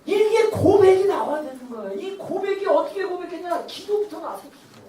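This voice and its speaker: Woman pastor in her thirties, high voice, animated preaching, heard from afar in a church hall. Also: brisk, crowd noise. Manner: lively preaching, shouting out cries to God. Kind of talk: sermon. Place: church sanctuary. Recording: roomy church hall from far off.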